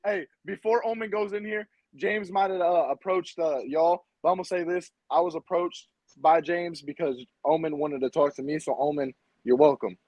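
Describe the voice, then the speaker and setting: Brash high-voiced man trash-talking. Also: steady tone, moderate pace, dry recording, dull audio. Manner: brash, repeats himself, says bro and y'all. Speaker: indie wrestler, guest. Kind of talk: trash talk on a podcast.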